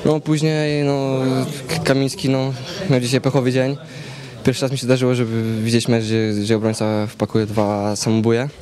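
A football player in his twenties gives a halting post-match interview at medium pitch and with a flat delivery, stumbling through fillers and repeats. Several reporters hold handheld mics close to him in a noisy hallway by the sponsor backdrop, with loud crowd chatter behind.

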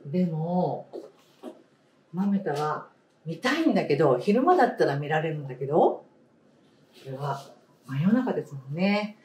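A woman teacher leading a read-aloud lesson, speaking slowly and emphatically, repeating key words and asking the class questions. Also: deep voice, big pitch swings, dark tone, slight background noise. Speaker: primary school teacher. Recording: roomy sound, distant mic.

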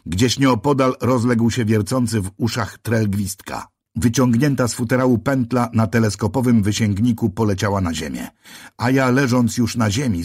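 Husky low-voiced male audiobook narrator. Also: darkish tone, no room sound, clean studio sound. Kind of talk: first-person audiobook narration.

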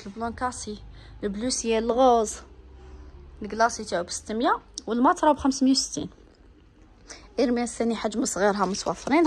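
A woman with an Algerian Arabic accent filming inside a bag shop on her phone, eagerly reeling off prices and gushing over the bags as a shopping vlogger. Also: on the high side. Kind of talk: product showcase vlog. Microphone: handheld phone while filming.

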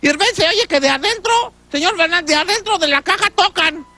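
A man's voice: very high voice, fast, background noise. A man with a Mexican accent telling rambling jokes in a comedy sketch, laughing at his own punchlines.

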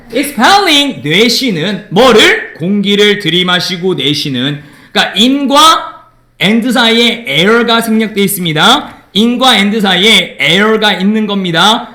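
A man teaching an English grammar lesson in a classroom, lively and teasing with his students. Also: sits high.

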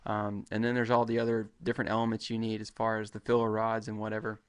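A man's voice: on the low side, monotone, fast talker, clean tone. A man in his thirties hosting a live welding lesson over a webcam from a small room, talking loosely with many fillers and restarts. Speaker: welding show host. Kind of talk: casual livestream lesson. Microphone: webcam at desk.

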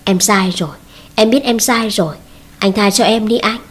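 A woman's voice: medium pitch, moderate pace, slightly rough, natural voice. A woman voicing a young wife who pleads tearfully with her husband for forgiveness, read as a storybook scene. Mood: pleading.

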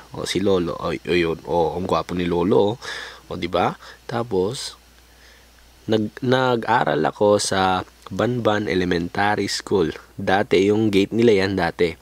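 A young man from the Philippines telling his life story over drawings in a crude, joking way, swearing a lot and slipping into English slang. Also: lowish voice. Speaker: vlogger.

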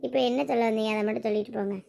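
A woman voicing a crying young village woman who speaks in a soft, wounded way to her lover in a family drama. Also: a little high, fairly even intonation, racing, vocal fry, voice pushed down. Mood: tearful. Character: tearful young village woman torn in love.

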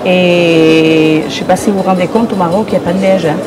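A woman's voice: lowish voice, fairly even intonation, fairly quick, background noise. An older woman from Morocco, a guest on a fair stage, talking in a hesitant, repetitive way. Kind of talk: casual interview talk. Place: wooden hall at a public fair. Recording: crowd chatter in a hall.

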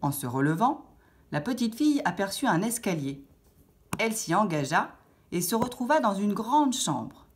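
A woman reading a children's fairy tale aloud with expressive storytelling. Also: medium pitch, moderate pace.

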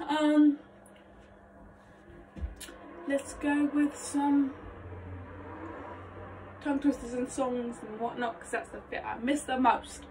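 A young woman vlogging her vocal warmup, chatty, rambling and self-mocking, her voice slightly phlegmy. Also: high voice, little pitch movement, takes it slowly, long pauses, slight background noise. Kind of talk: casual vocal warmup vlog. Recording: voice a bit distant from mic.

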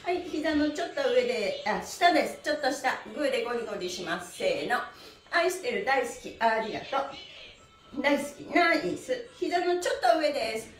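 This time the same instructor sounds bright-spirited, animated and very lively in intonation, her high voice calling out drawn-out chanted counts for the livestreamed class. The camera sits a few metres away in the small bare-walled studio, so the audio is roomy and distant, with faint music underneath.

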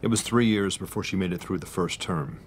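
An actor playing an earnest, worried middle-aged husband confiding in a doctor in a radio drama. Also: male voice, low voice, fairly quick, a little hiss or hum, close to an everyday voice. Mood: troubled, confiding.

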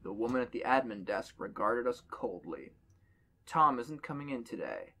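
Speaking at normal speed in a medium, sing-song voice with a bright, forceful tone, a man reads a horror story aloud for friends on a podcast. Between passages he jokes with them, reading the dialogue out in a relaxed, bantering session.

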